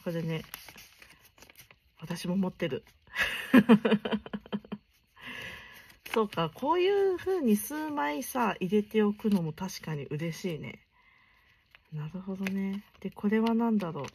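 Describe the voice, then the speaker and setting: A young woman chatting casually while unboxing stationery gifts, keeping her voice low and gushing softly, sometimes dropping to near whispers. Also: very animated, takes it slowly, long pauses, slight background noise. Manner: soft-spoken, chatty, keeps voice down late at night.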